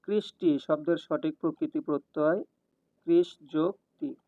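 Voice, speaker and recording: A man's voice: fairly high pitch, a little slow, no echo. Man reading exam questions over a tinny line. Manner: reads each question then its answer in an even, steady cadence. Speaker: exam prep tutor. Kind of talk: scripted question-and-answer reading. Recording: tinny, dry, phone-like sound.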